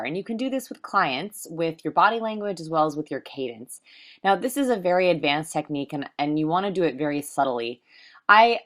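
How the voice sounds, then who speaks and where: Fast-talking woman with a low voice. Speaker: life coaching course instructor. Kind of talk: recorded course lecture.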